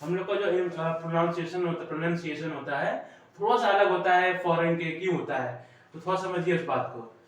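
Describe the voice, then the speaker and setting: A man's voice: fairly high pitch, moderate pace. A man from India teaching a class, explaining step by step and often checking "okay?" with his students. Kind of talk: classroom lesson. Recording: very echoey room, voice from a distance.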